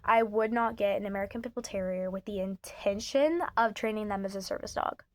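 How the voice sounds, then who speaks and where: A woman's voice: mid-range voice, a little fast, no echo. A woman talking casually to the camera in a blunt, chatty way, recorded on her phone's microphone. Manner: blunt and chatty, swears freely. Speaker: service dog handler. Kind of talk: casual vlog talk to camera. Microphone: phone camera mic.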